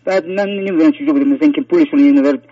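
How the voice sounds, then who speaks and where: A man phones in to tell a personal story, earnest and rambling, often restarting his sentences. His voice sits a little high and sounds dull and distant, as if heard through a phone line. There is no room sound around him. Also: warm tone, dry recording. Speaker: caller.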